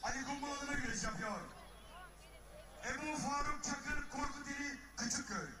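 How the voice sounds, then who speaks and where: A man making rapid, sing-song formal announcements as the arena announcer, heard over a PA loudspeaker at an outdoor wrestling ground. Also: very high-pitched, fairly even intonation, recorded from a distance, over music. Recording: echoey loudspeaker heard from afar.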